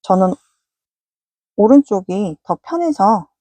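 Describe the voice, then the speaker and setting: A woman's voice: medium pitch, lively intonation, slow pace, mellow, dry recording. A woman giving a patient, polite step-by-step crochet tutorial. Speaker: crochet instructor.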